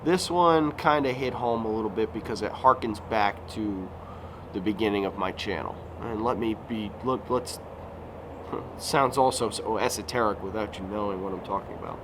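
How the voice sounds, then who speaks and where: A YouTuber in his thirties rambles casually through a vlog, full of fillers and self-corrections, speaking at a moderate pace in a fairly low voice. He is outdoors at a resort recreation area, and the noisy recording picks up passing vehicles.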